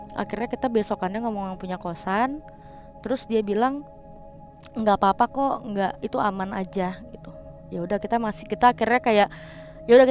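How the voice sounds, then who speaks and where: Speaking in a mid-range voice, a young woman recounts her ghost experience as a guest in a relaxed conversation. Her telling is animated, with changed voices for the people she quotes and a blend of slang and English words.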